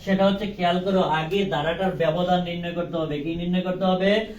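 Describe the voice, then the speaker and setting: Young male tutor, high voice, roomy sound. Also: steady tone, brisk, a little mellow, highs cut off, a little hiss or hum. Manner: repeats questions and answers them himself, casual and joking. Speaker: online tutor. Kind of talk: live online class teaching. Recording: roomy, distant mic with faint ambience.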